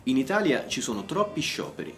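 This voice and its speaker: Man with a lively voice in a lesson dialogue. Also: medium pitch, a little fast, creaky, faint music behind. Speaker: dialogue partner in a language lesson. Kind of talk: scripted learner dialogue.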